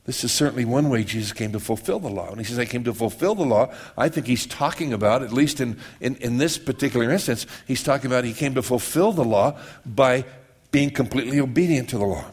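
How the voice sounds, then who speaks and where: A man's voice: medium pitch, animated, fast talker, breathy edge. A man giving a conversational sermon, often repeating and restarting words and checking that his listeners follow. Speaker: pastor.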